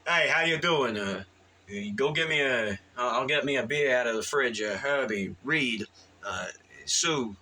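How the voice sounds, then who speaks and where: A man's voice: medium pitch, a little slow, pushed and bright, slight background noise. A man putting on the voice of a chummy, ordinary working-class guy who is a rock-bodied hero.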